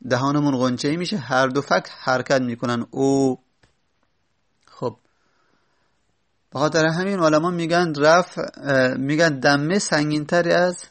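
A man's voice: medium pitch, fairly bright tone. A man teaching a grammar lesson, explaining step by step and stopping to correct himself. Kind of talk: spoken classroom lesson.

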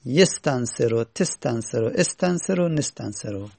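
A man's voice: medium pitch, animated, creaky, dark tone, dry recording. A male teacher giving a classroom lecture, reading lines from a grammar text and then patiently explaining each one in plain words, often asking the class rhetorical questions.

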